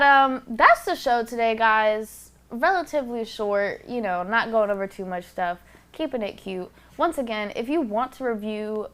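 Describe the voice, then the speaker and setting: A woman with a fairly high, slightly bright voice hosts a casual solo podcast, speaking close to the mic. She's candid and blunt and swears freely.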